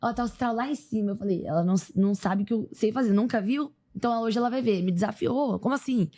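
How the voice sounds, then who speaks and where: A woman's voice: fairly high pitch, fast talker. A young Brazilian woman, an athlete, animatedly retelling her story in a casual interview, acting out what others said. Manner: lively, animated retelling with quoted voices. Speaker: podcast guest, athlete.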